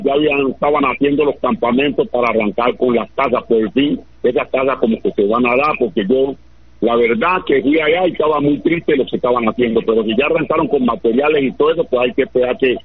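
A man's voice: mid-range voice, husky. A man calling in to a radio show, talking earnestly and at length about local complaints over a muffled line. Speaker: radio caller. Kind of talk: phone-in chat. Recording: muffled line with faint noise.

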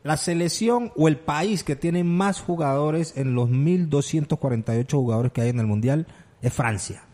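A man's voice: on the high side, moderate pace, warm tone. A man co-hosting a casual football chat, agreeable and fond of reading out statistics. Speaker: sports radio co-host.

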